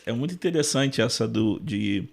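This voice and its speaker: A man hosting a podcast, asking relaxed, encouraging interview questions. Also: mid-range voice, normal speed, creaky.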